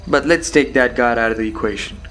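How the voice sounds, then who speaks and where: A man giving a rambling philosophical monologue, musing haltingly with rhetorical questions and repeated phrases. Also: medium pitch, fairly bright tone, soft background music. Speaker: solo host of a philosophical talk. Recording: background noise with insect and cricket sounds.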